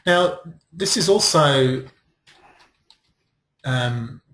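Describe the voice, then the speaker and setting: A man presenting a software training workshop, explaining in a relaxed, conversational way. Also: medium pitch, extremely slow. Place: training room.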